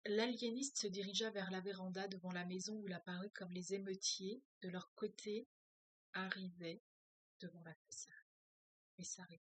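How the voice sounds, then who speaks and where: Reading a novel aloud, a woman who teaches French to foreign learners breaks off for comments, hesitating and filling gaps with filler sounds as she thinks. She speaks at a normal speed in a steady, medium-pitched tone, and the recording is dry.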